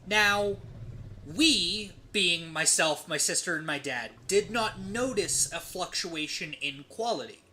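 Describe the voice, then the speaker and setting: In a low-quality recording with slight background noise, a gaming streamer casually tells a comedic story full of profanity, dramatic pauses and rhetorical tags. The voice is mid-range and expressive, with a sharp tone.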